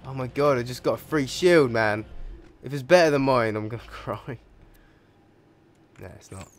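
A man giving casual let's play commentary while gaming, chatty and profane, with sudden excited yelps. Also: mid-range voice, normal speed. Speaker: gaming video creator. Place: home room.

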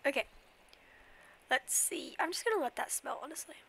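Her voice is high-pitched, creaky, bright, and forceful, animated at a moderate pace. She's a young woman streaming a game from her bedroom, rambling, humming silly sounds, and a little sniffly from a cold.

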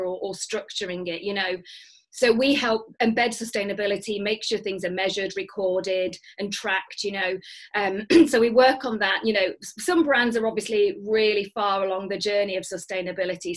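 A woman, a guest on a video call, talking enthusiastically with many fillers and restarts. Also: mid-range voice. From Lancashire, England. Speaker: guest, business founder. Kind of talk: remote interview. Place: dim home room.

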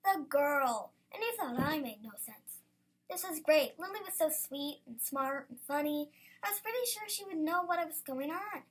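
Schoolgirl storyteller, high voice, lively reader with excited outbursts. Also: normal speed. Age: child. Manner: lively, bursts into excited exclamations. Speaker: student storyteller. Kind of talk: reading her own story aloud.

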